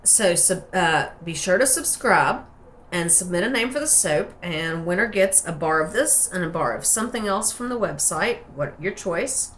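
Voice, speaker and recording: A woman's voice: lowish voice, expressive, moderate pace, a bit bright, a little hiss or hum. A woman with an Appalachian hillbilly accent, chatting casually and playfully in a rambling, folksy way as she hosts a craft vlog. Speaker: soap maker and channel host.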